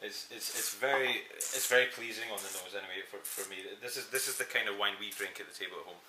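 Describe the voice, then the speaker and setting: A man from southern Italy chatting casually about a wine, animated and rambling with restarts. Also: lowish voice, fast talker, roomy sound, slight background noise, poor audio. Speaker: wine importer. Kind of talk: casual wine tasting chat.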